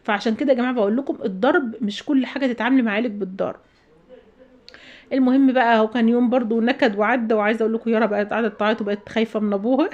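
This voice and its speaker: A woman's voice: fairly high pitch, fairly even intonation, racing, darkish tone, dull audio. A woman in her thirties with an Egyptian Arabic accent, a mother chatting to her viewers, venting and giving advice. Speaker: vlogger, mother. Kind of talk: casual storytelling to viewers.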